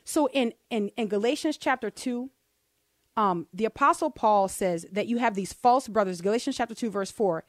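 A woman co-hosting a radio program, teaching scripture with rising fervor. She drives her points home by repeating phrases. Her voice sits fairly high and sounds dry and close. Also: normal speed, dry recording. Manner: emphatic, builds to fervent peaks, repeats phrases for emphasis. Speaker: radio show co-host. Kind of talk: impassioned radio Bible teaching. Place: radio studio.

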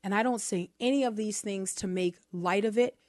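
Speaking at normal speed in a medium-pitched, darkish voice, this podcast co-host from New Orleans, USA, has a local accent and fires off one emphatic rhetorical question after another during a casual commentary chat. The recording is dry and studio-clean.

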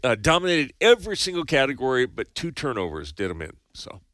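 Bright-voiced man in casual radio banter. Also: mid-range voice, very animated, brisk, no room sound, studio quality. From California, US. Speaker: radio show contributor. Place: radio studio.

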